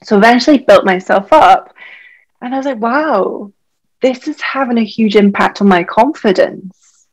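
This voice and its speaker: Heard through poor audio, this woman's voice is a little high and moves at a normal pace. She's a thirtysomething doctor and health coach from Scotland, speaking frankly as a podcast guest and saying "like" a lot in the relaxed chat.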